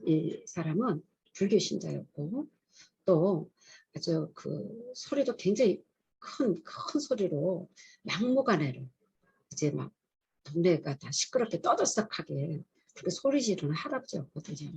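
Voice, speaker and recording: A woman's voice: on the low side, very animated, unhurried, vocal fry, a little mellow, breathy edge, poor audio. A middle-aged woman, a pastor's wife, giving an earnest, confessional testimony at a chapel service. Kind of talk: testimony sermon.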